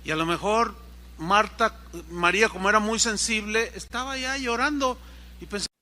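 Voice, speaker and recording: A man's voice: high-pitched, normal speed, pushed and bright. A man pastor giving a sermon, retelling a story and acting out its dialogue. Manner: storytelling preacher who acts out the dialogue. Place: church service.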